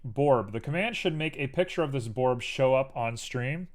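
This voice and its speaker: A man's voice: mid-range voice, lively intonation, moderate pace. A young man streaming while he 3D models, muttering to himself in a playful, rambling way. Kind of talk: casual livestream commentary while 3D modeling.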